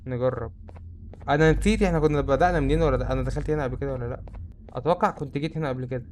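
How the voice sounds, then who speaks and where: A man's voice: medium pitch, rapid-fire, a little mellow, a little hiss or hum. A young man with an Egyptian Arabic accent, chattering through a horror game and saying he is scared. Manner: chatty, jumpy, easily spooked. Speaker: gamer. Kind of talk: let's-play commentary.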